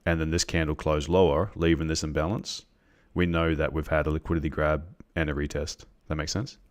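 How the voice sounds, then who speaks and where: A man on a live trading stream, explaining chart setups to viewers in a halting way, with many restarts and ums. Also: very deep voice, level tone.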